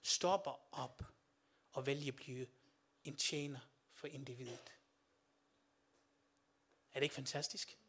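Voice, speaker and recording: A man preaching a sermon, speaking to listeners directly with questions and swinging from quiet passages to loud, rising shouts. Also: medium pitch, fairly even intonation, long pauses, slight background noise.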